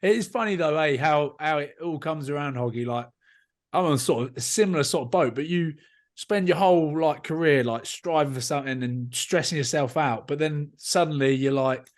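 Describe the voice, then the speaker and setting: A man with a somewhat higher voice co-hosts a relaxed chat. He jokes, teases his guest and swears freely in easy banter. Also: moderate pace. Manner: joking, teasing, swears freely. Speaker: podcast co-host, fellow player. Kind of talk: casual banter.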